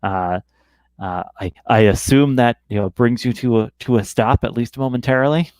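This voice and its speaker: A man narrating a tabletop role-playing game as game master, halting and often repeating words as he goes. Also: mid-range voice, a little mellow, no echo.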